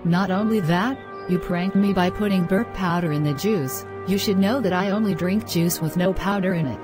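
A woman's voice: lowish voice, moderate pace, over music, lightly acted. A synthetic female text-to-speech voice playing an indignant young cartoon girl.

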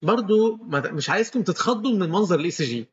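A man's voice: high voice, expressive, racing, muffled recording. A man with an Egyptian Arabic accent giving a medical lecture, walking students through each step and quizzing them as he goes.

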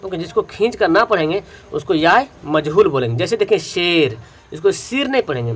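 A man teaching an exam-prep grammar lesson, patiently repeating definitions and drawing out example words slowly. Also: sits high, lively intonation, slightly rough.

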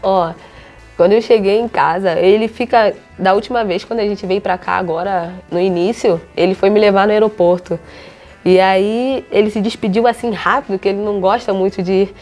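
A woman's voice: mid-range voice, fairly even intonation, brisk, a little mellow, faint music behind. A young Brazilian woman footballer in a casual interview, telling stories and acting out the dialogue she quotes. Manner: chatty storytelling, acts out quoted dialogue.

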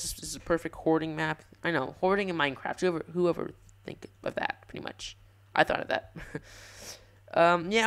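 A young man talks over his gameplay in a rambling, self-correcting way, growing excitable when the action picks up. His voice sits a little high for a man and comes across smooth and clear. He sounds like a channel host chatting straight to his viewers. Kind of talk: live gameplay commentary.

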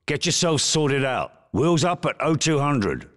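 A gruff British special forces captain from a military video game. He is curt and commanding with a sardonic edge, and his pitch swings widely as he hands out orders. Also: sing-song, a little slow, fairly bright tone. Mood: firm briefing.

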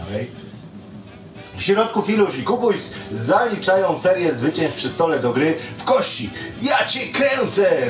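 A father reads a video game's story aloud to his son, stumbling and correcting himself, then coaches him through the controls. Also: fairly high pitch. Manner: reads aloud with stumbles and self-corrections, animated on quoted lines. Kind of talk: reading game story aloud and coaching gameplay. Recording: roomy, distant mic, game music behind. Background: video game music.

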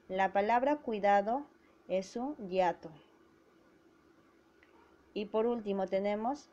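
Slow, deliberate woman teacher. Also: medium pitch, warm tone. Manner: slow and deliberate, spelling out syllables. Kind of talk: grammar lesson for schoolchildren. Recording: dull lo-fi recording.

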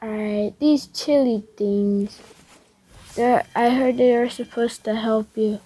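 A woman narrates her gameplay in an unhurried, slangy ramble. Her voice sits a bit high and sounds stuffy and congested from a cold. She talks casually to viewers as she plays. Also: slightly rough. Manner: chatty, excitable, rambling slang. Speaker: gaming video creator.

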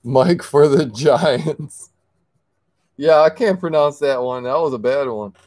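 A man's voice: fairly high pitch, takes it slowly, no echo. A man hosting a card break, casually reading out player names as he opens packs, sometimes stumbling over them. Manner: reads player names aloud, stumbles on some, yells when excited. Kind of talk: casual card-opening chat.

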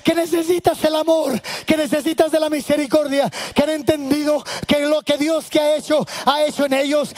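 A man preaching a sermon in a church, telling his testimony with impassioned, animated storytelling. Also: very high voice. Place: church sanctuary. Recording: echoey church hall.

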